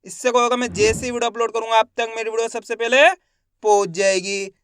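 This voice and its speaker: Man teaching letter sounds, drawn-out syllables. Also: very high-pitched, little pitch movement, fairly bright tone, a little hiss or hum. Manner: drawn-out syllables, quizzing questions to viewers. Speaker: Hindi reading teacher. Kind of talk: step-by-step lesson for learners.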